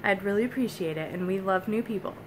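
A woman's voice: mid-range voice, fast, slight background noise. A young woman chatting casually to camera as a vlogger, filming on her phone held at arm's length. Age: young adult. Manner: chatty, friendly, loose with fillers. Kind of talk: casual vlog talk to camera. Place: outdoors on a windy summit, then indoors.

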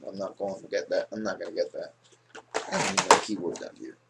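A man casually commentating his own gameplay for viewers, joking at his own expense, swearing, whispering when tense and jumping into a squeaky high voice to taunt other players. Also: quick pace, creaky, very noisy. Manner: jokey, self-mocking, swears, talks to viewers. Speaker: gaming video host.

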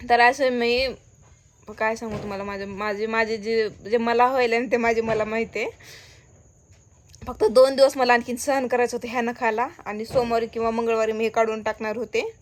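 A woman's voice: fairly high pitch, level tone, normal speed. A woman vlogger chatting casually, laughing and playfully complaining to the camera and a friend. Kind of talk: casual vlog chat.

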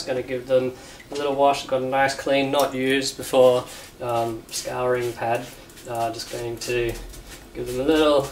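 A man from the United Kingdom demonstrates a recipe at the stove in his home kitchen, chatting in a relaxed, mid-range voice as he works. The echoey room is full of loud frying and sizzling, with a little hiss or hum on the recording.

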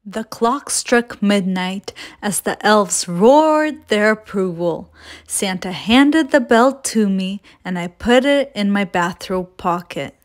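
Slow, gentle woman reading a picture book. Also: mid-range voice, expressive. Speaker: children's storyteller.

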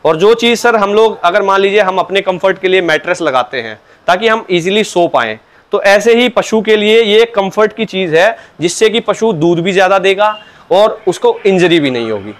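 A man with a fairly high voice, speaking as a dealer in his shop. He explains things patiently and politely, like a salesman. His answers often open with a respectful address to the questioner. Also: expressive, moderate pace. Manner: patient, salesman-like, repeatedly opens with "sir, look". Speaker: cow mat dealer. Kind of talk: product explanation in an interview.

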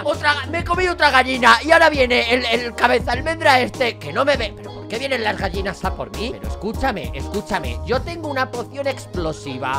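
A woman doing lively, jokey Let's Play commentary on a game, often repeating words in bursts of excitement. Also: sits high. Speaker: gaming YouTuber.

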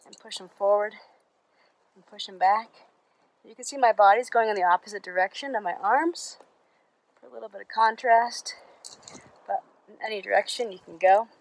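A woman's voice: medium pitch, dry recording, rough recording. A woman outdoors casually explaining a dance move in a friendly way. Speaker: dance instructor.

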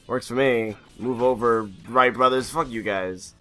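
A man's voice: mid-range voice, steady tone, measured pace, bright, forceful tone, soft background music. A man giving comedic commentary while playing a game, sarcastic and profane.

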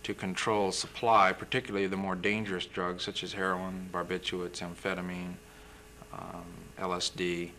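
A young man with a low voice and a bright, forceful edge explains things in a steady, measured way as a studio interview guest. A faint hiss of old TV film sits under his voice. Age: young adult. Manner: measured, explanatory, occasional throat-clearing. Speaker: physician guest. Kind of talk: interview answers.

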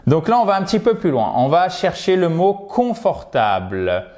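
A man's voice: high-pitched, moderate pace. French-speaking man coaching pronunciation. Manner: lively, coaching, models words by repeating them. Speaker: English teacher. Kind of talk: online pronunciation lesson.

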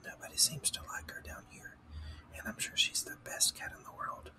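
A man's voice: very high voice, big pitch swings, normal speed. A man whispering the lines of a polite, eager young girl in a storybook reading. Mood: melancholy.

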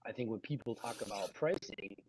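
A man's voice: on the low side, a little fast, noisy background. A man co-hosting a casual beer show, rambling with lots of fillers and restarts. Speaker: podcast co-host. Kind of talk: casual chat.

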